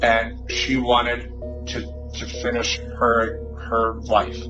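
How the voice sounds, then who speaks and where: A man questioning someone as a police interrogator in a measured, low-key, coaxing way. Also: completely flat delivery. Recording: muffled interrogation recording, music behind.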